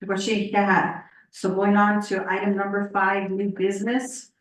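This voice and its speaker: A woman chairs a committee meeting, working through the agenda in a measured, procedural manner and using lots of fillers. Her voice is medium in pitch, and the meeting room gives off an echo.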